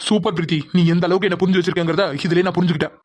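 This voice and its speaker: A man's voice: high voice, fairly even intonation. A man voicing Prasanth, a hurt angry young man. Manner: fast, scolding and bitter. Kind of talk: cartoon voice acting.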